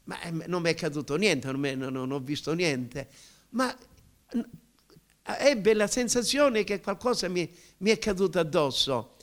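Higher-voiced man giving halting testimony. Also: animated. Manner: halting, repeating words, emotional retelling. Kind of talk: personal conversion testimony.

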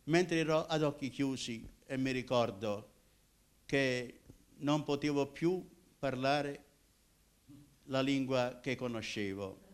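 A minister in his later years, from Apulia in southern Italy, recounts his personal testimony slowly and emotionally, alternating loud cries with hushed moments. His medium-pitched voice sounds clear and resonant.

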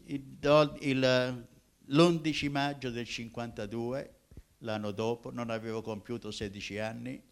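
A man's voice: medium pitch, fairly even intonation, a little slow, creaky. Older man giving emotional testimony. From Apulia, southern Italy. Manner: emotional, swinging from loud cries to hushed tones. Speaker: minister. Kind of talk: personal testimony.

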